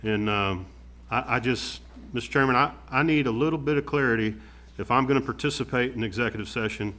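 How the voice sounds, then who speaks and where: Man, medium pitch, county commissioner, halting, plainspoken remarks at a meeting. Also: sharp tone. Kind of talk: spontaneous remarks at a public meeting.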